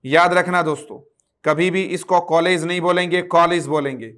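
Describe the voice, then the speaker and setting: Man, high voice, even and flat delivery, spells words out, quizzes students. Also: moderate pace. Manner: repeats words and quizzes listeners with rhetorical questions. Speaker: English teacher. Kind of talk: online class lecture.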